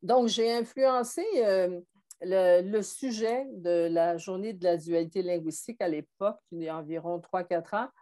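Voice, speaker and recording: Podcast guest: Québécois woman, sixties, measured and thoughtful, pauses often. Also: on the low side, mellow. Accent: Québécois French. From Montreal, Quebec. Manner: thoughtful, frequent hesitations. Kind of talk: conversational interview.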